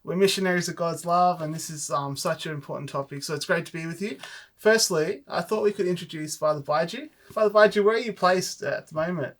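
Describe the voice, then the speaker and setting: Male host, light upper pitch, chatty and encouraging, casual interview. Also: a little fast, a bit bright. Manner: chatty, encouraging, frequent "like" and "you know". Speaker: podcast host, priest.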